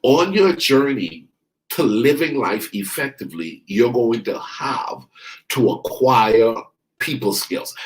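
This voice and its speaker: Speaking directly to his audience, a life coach from the Bahamas delivers a motivational sermon in a mid-range voice. He repeats lines to stress them and stretches out important words slowly. The audio quality is poor.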